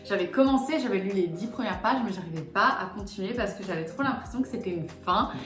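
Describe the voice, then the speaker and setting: A young woman chatting casually in a book vlog, animated, swinging between quiet asides and excited bursts. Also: mid-range voice, fast. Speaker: booktuber. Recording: echoey room with faint music.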